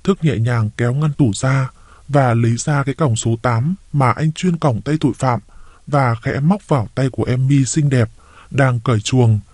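A man narrating a rural short story in a steady reading voice. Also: medium pitch, no echo.

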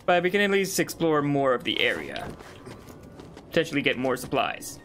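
A man's voice: a little high, moderate pace. A young man casually commenting on his own gameplay, talking to himself as he plays. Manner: relaxed, talks to himself as he plays. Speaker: gaming channel host. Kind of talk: casual let's-play commentary. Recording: game music under the voice. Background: game music.

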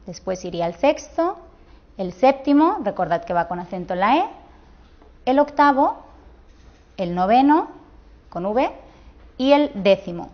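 A woman with a Spain Spanish accent teaches at a whiteboard, her voice at a medium pitch. She explains clearly and patiently and speaks straight to her students. The recording sounds a little dull and lo-fi. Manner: clear, patient, addresses viewers directly.

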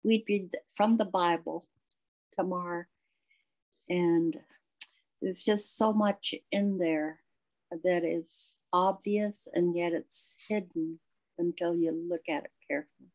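Woman participant, lower voice; appreciative, halting remarks. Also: steady tone, darkish tone, low-quality recording. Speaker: webinar participant. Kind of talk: webinar comment. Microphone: video call.

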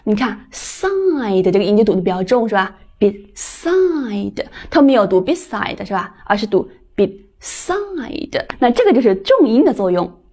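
Woman teaching English pronunciation. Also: mid-range voice. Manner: lively, coaxing, drawn-out model words. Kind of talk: online pronunciation lesson.

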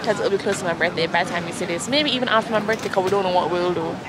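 A woman's voice: lowish voice, rapid-fire, a crowd in the background. A woman with a Jamaican accent chatting casually for a travel vlog in an airport terminal. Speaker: travel vlogger. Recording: loud terminal noise behind.

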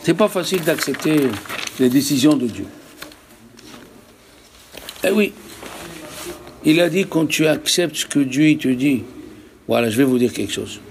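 A rabbi teaching a religious lesson to a live group, emphatic and full of rhetorical questions. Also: male voice, fairly high pitch, a little slow, gravelly, long pauses, a little hiss or hum.

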